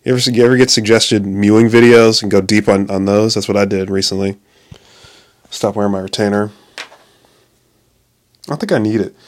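In a fairly low, darkish voice with a level tone, moderate pace, and long pauses, a man in his late twenties rambles through a casual monologue. He's profane, often breaks off to restart sentences, and frequently laughs at himself.

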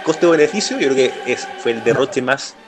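Un hombre con acento chileno conversa de política en un pódcast, con muchas pausas y frases que se reinician. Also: male voice, mid-range voice, lively intonation, music in the background. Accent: Chilean Spanish. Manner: rambling, many restarts and fillers. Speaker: political podcast co-host. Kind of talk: casual political chat.

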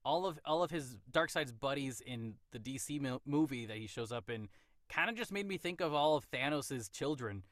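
Male podcast host; bright, forceful tone, lively casual review banter. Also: medium pitch, moderate pace, dry recording, studio quality. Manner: animated, theorizing, laughs often. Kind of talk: casual movie review chat.

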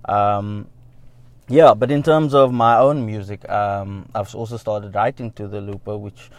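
Low-voiced musician, rambling. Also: male voice, fairly even intonation, unhurried, dry recording. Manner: rambling, many fillers and restarts, laughs wryly. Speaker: musician guest. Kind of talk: casual interview answers.

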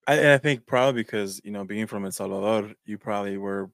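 A man hosting a podcast, from Mexico, talking in a halting, casual way with many restarts. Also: fairly low pitch, vocal fry, a bit bright, no echo, studio quality. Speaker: podcast host. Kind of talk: casual interview talk.

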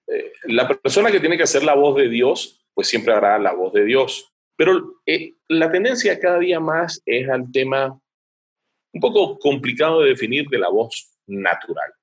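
An advertising director, interviewed as a guest, talks about his work in depth, pausing often as he thinks out loud. His voice is medium-pitched and expressive, at a normal speed.

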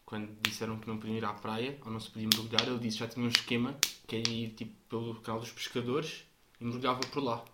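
A young man with a European Portuguese accent co-hosting a podcast, joking in quick, casual banter. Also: medium pitch, little pitch movement. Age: young adult. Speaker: podcast co-host. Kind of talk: casual chat. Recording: echoey room with faint noise.

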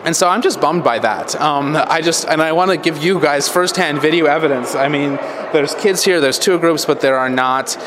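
A man's voice: a little high, normal speed, few pauses. An American man hosting a podcast conversationally, his voice echoing in a big hall. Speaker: podcast host. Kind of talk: conversational interviewing and commentary. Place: echoey, nearly empty state capitol hall. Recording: echoey big hall, faint background noise.

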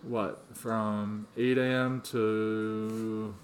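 A man's voice: on the low side, level tone, extremely slow, a little hiss or hum. A man co-hosting a casual podcast, rambling through his thoughts with many ums and restarts. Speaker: podcast co-host. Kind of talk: casual chat.

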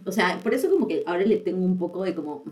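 A woman's voice: on the low side, expressive, very fast, darkish tone, far from the mic. A young woman, hosting a casual podcast chat and speaking in a chatty, confessional way with frequent laughs. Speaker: podcast host.

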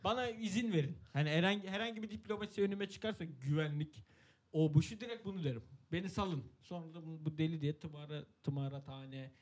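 A man co-hosting a casual podcast chat, joking and breaking into loud bursts when he quotes himself. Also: on the high side, fairly quick. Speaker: podcast co-host.

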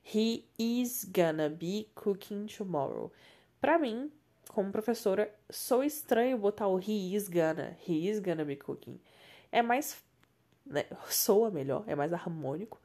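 A Brazilian woman teaching English grammar on a podcast, with a voice of middling pitch. She explains patiently and repeats each example sentence slowly and carefully. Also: a little mellow. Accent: Brazilian Portuguese.

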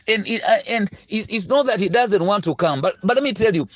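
A man preaching a sermon, earnest and halting, full of fillers and repeated words. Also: high-pitched, no echo. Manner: earnest, slows to stress key phrases. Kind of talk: recorded sermon teaching.

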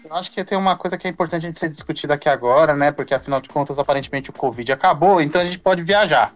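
Male podcaster, Brazilian Portuguese accent, rapid informal delivery, joking, faint music behind. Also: a little high. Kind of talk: casual podcast banter.

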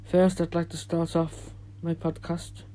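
A man hosts a solo podcast, chatting casually in an informal, halting, unpolished way. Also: fairly high pitch, completely flat delivery, dark tone. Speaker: podcast host.

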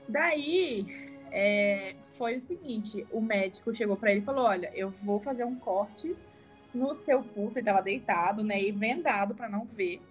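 A woman with a slightly raised voice retells a story in a casual podcast, pausing and restarting as she goes. Faint music sits behind her. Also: a little high.

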